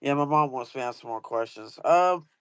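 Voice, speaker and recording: A man's voice: medium pitch, a little fast, fairly bright tone, clean tone, no room sound. Man, casual host, rambling storyteller, lots of ums and restarts, dry close sound. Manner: rambling, many fillers and restarts. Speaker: host asking guest questions.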